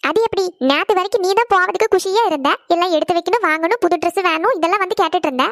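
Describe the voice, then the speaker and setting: A woman's voice: extremely high pitch, fairly bright tone, no room sound, clean studio sound. Woman doing a fussing cartoon mother. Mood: scolding. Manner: scolding, rapid, fussing. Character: scolding worried middle-aged village mother. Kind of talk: cartoon voice acting.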